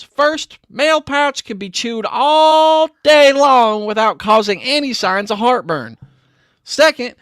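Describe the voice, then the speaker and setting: A man hamming up an old-timey ballplayer reading a tobacco endorsement, pitched far above a normal speaking voice and pushed loud. He declaims every line in a sing-song pitchman style, as if on a vintage radio spot. The sound is dry and close. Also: no echo, exaggerated voice.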